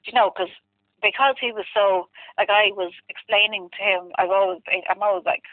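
A woman's voice: medium pitch, fairly even intonation, moderate pace, no echo. A woman with a west of Ireland accent, telling a personal story casually and candidly in a rambling, conversational way full of filler phrases. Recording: muffled, dry phone-like line.

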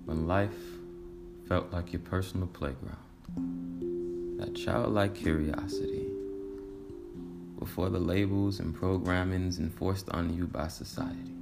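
A man delivering a scripted podcast intro in a measured, contemplative way. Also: low-pitched, gravelly. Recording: loud plucked guitar music underneath. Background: guitar music.

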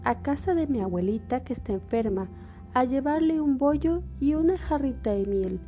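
A woman's voice: high voice, animated, narrow, tinny audio, soft background music, voice pushed up. A woman voicing a sweet, trusting little storybook girl in an innocent, childlike manner. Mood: eager. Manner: innocent, childlike, drawn-out questions. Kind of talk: storybook character acting.

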